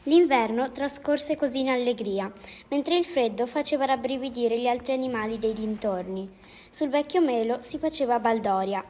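A woman reads a children's story aloud with a gentle, lively manner. Her voice is high. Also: normal speed.

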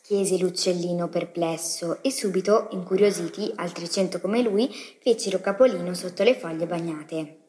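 A woman narrating a children's story with expressive storytelling. Her voice sits lower than most women's. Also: normal speed.

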